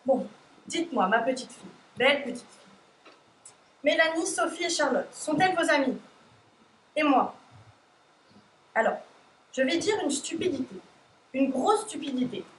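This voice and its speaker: A woman's voice: high voice, lively intonation, normal speed, long pauses, a little hiss or hum. A teenage girl acting in a school stage play as a caring, motherly woman in charge, recorded from far off in an echoey hall. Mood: gentle. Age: teens. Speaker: high school stage actor.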